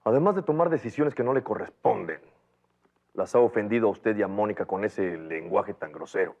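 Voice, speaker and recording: A huffy stuck-up gentleman, lowish voice, mexican spanish, muffled tv sound. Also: fairly quick. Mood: indignant. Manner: huffy, indignant. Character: indignant genteel man, stiff and offended. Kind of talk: 1990s telenovela acting. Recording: dull lo-fi TV audio.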